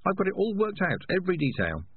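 A man's voice: high-pitched, wildly swooping pitch, fast, husky, phone-quality sound, voice pushed up, heavily acted. A man voicing a sly, self-satisfied young tomcat in a storybook reading, raised above his usual voice. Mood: smug scheming. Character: scheming young male tomcat, smug and sly.

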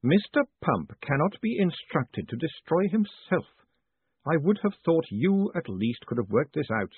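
A man voicing a cool, condescending aristocratic ruler with a slow drawl. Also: on the high side, sing-song, husky, dry recording, pitched above the performer's own voice, exaggerated voice. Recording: dry, phone-like narrow band.

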